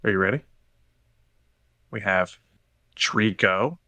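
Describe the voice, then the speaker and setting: A man's voice: on the low side, slow, bright, forceful tone, no echo. A man co-hosting a casual gaming podcast, joking around, laughing often and swearing casually. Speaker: podcast co-host. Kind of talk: casual chat.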